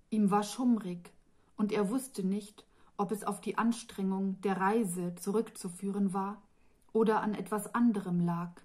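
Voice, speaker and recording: Slow, calm woman reading a fantasy novel. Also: mid-range voice. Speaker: author reading her own novel. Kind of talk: audiobook fantasy narration.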